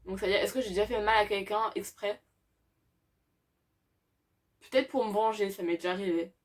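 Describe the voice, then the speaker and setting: A woman's voice: mid-range voice, moderate pace. A teenage girl answering tag questions in a casual, hesitant way, with frequent fillers and little laughs. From France. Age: teens. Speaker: YouTuber.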